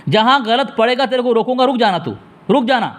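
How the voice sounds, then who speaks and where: A man hosting a heated phone debate, scolding and insistent, repeating his demands and turning aside to address listeners. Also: extremely high pitch. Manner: turns aside to address the audience. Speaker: debate host on a phone call.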